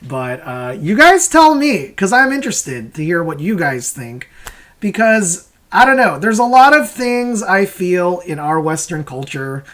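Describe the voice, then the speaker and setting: A comic creator and host with a high, fairly bright voice swings widely in pitch and talks a little slowly. His casual commentary rambles, and he sounds hesitant and self-questioning, chuckling as he explains.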